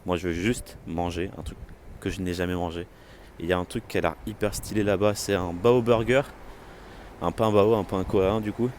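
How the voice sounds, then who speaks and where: A young man vlogging on a city street with a handheld phone, chattering loudly and excitedly in slangy speech. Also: low voice, fairly quick, a little hiss or hum. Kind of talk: casual street vlog.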